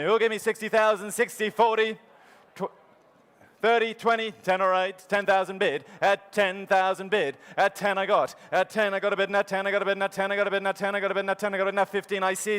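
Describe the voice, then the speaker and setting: A man's voice: sits high, a bit bright, clean tone. A man working as an auctioneer at a live sale, calling bids in a rhythmic, repetitive chant. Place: large sale arena. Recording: hall reverb from sale ring PA.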